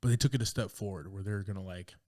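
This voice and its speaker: A man co-hosting a casual movie-review podcast, relaxed and chatty, often calling his friend "man" and "brother.". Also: deep voice, fast, no echo, clean studio sound. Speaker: podcast co-host.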